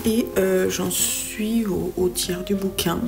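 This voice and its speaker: Chatty French woman with soft music. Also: mid-range voice, steady tone, takes it slowly, creaky. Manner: chatty, hesitant with many fillers. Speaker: book vlogger. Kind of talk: casual reading-vlog chat. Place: home.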